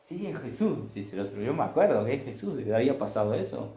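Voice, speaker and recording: A man's voice: mid-range voice, big pitch swings, quick pace, warm tone, echoey room, rough recording. A man preaching a Sunday sermon, telling stories in a conversational way and acting out the voices in them. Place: church.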